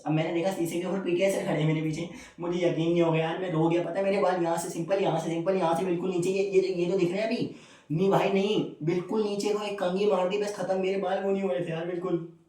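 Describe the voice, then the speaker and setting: A man's voice: high-pitched, quick pace. Young guy doing stand-up storytelling, super chatty, echoey room, mic far. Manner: animated, chatty, addresses the audience as buddies. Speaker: stand-up comedian. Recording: roomy, mic at a distance.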